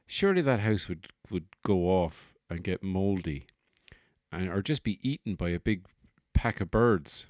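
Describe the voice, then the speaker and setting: A man's voice: sits low, expressive, a little slow, darkish tone, no echo, clean studio sound. Rambling, jokey podcast man. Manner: rambling, jokey, profane tangents. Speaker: podcast host. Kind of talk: comedic solo podcast monologue.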